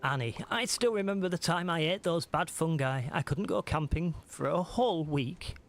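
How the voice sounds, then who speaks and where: A man reading the lines of a cheerful village forager woman from a cozy game, in a brisk, folksy tone. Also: on the high side, animated, soft background music, voice pushed up. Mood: chirpy.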